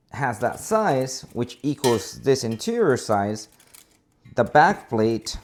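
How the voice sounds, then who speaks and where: In a mid-range, slightly mellow voice, a man who works as an installer talks through a product demonstration without a script. He is casual and hesitant, often repeating words to correct himself, while the noisy recording picks up clicks and clatter from handling.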